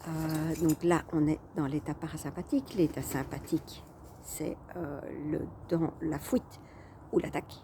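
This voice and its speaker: A woman's voice: deep voice, fairly even intonation, a little slow, dark tone, a little hiss or hum. A woman coach talking casually to her viewers, chatty and hesitant, with frequent fillers and restarts. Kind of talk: casual talking-head vlog.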